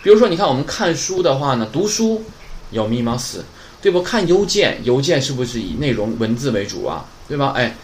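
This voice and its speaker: A man's voice: mid-range voice, sing-song, brisk, a little hiss or hum. A man who is a native Chinese speaker, teaching a Japanese grammar lesson in Chinese, often checking with his students. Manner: explains in Chinese, quoting Japanese words and sentences; keeps checking with "对吧" and "哎".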